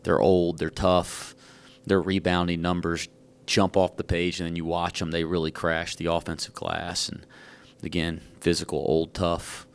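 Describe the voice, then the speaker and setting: Man, basketball coach, out of breath, deep voice, monotone delivery, rambling and frank, press conference podium. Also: unhurried, clean tone. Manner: frank, rambling, self-joking.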